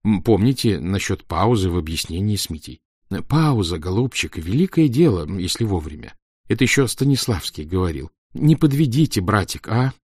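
A man voicing a kindly school drama teacher who coaxes his pupils softly. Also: on the low side, sing-song, normal speed, slightly rough, no room sound, studio quality. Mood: coaxing. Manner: soft, coaxing and affectionate.

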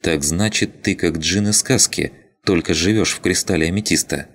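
A weary young woman facing her fate, as a male reader voices her. She sounds tired, resigned and quietly wry, lifted above a very deep natural voice. A story heroine who has stopped being afraid. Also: normal speed. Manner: tired, resigned, wryly sad.

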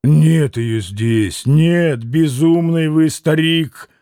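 A stern grown son, as a man acts him out, scolding in sharp bursts. The reading sits close to the narrator's own voice and sounds dry. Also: on the high side, very slow, clear, resonant tone, dry recording. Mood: angry scolding. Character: stern, angry grown son, cold and commanding.

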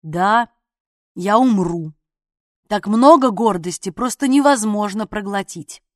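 A woman's voice: medium pitch, animated, slow pace, no echo. A woman reading an audiobook voices a wounded, stubborn young man who mutters through the pain and mocks dryly. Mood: mocking. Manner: strained, muttered, dry mocking.

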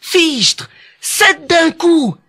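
A man voicing a small, cunning male tailor who boasts in shrill, high exclamations in a storybook cassette. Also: very animated, moderate pace, pushed and bright, exaggerated voice. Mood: boastful.

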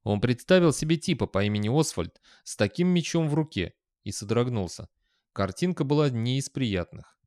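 A man narrating an audiobook in an even, measured storytelling manner. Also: mid-range voice, no echo, clean studio sound.

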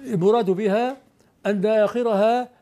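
A male teacher giving a classroom lecture on classical poetry, questioning students and then explaining firmly, reciting verses slowly. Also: high-pitched, steady tone, dark tone.

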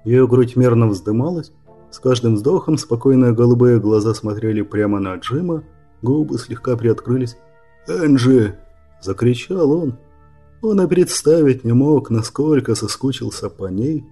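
A man reads a fantasy audiobook in an even, measured voice. His tone is very dark and husky. His pitch sits in a normal middle range. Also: faint music behind. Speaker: narrator. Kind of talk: audiobook narration.

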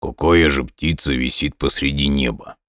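A very deep, grumbling bear cub from a children's story, voiced by a male narrator. He sounds gruff but caring, recorded close and dry. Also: fairly even intonation, moderate pace, fairly bright tone, no echo. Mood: gruff urging. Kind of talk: audiobook character voice.

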